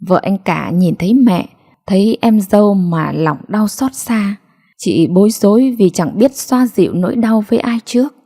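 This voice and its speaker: A woman storyteller giving slow, sorrowful audiobook narration. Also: medium pitch, animated, dark tone, husky.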